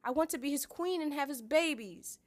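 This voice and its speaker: A woman's voice: high-pitched, fairly quick, voice pushed up, lightly acted. A woman voicing a petulant, lovestruck young noble girl from a novel, wailing dramatically and insistently. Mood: lovesick pleading. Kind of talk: acted audiobook-like reading from a novel.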